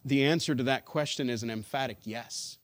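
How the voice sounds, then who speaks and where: A man preaching a sermon, building emphatic rhetorical questions that swell louder and drop soft. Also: medium pitch, brisk. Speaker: pastor.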